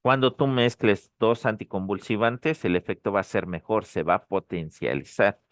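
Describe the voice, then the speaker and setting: Low-voiced man teaching pharmacology online. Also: normal speed, dry recording, studio quality. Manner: repeats key points, checks in with "ok?". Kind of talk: online lecture. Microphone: dry close mic, online session.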